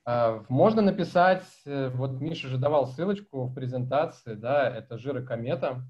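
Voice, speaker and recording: A man in his forties, medium-pitched and speaking at a normal speed, fields questions at a tech meetup via video call from a small room at home. He's chatty, informal and animated, gesturing a lot, and his laptop webcam mic gives the audio a slightly dull quality.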